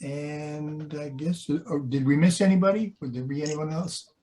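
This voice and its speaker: A man hosting an online club meeting, reading out birthdays and handing over to a speaker in a relaxed, hesitant way. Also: a little high, moderate pace. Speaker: meeting host. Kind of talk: meeting chair announcements.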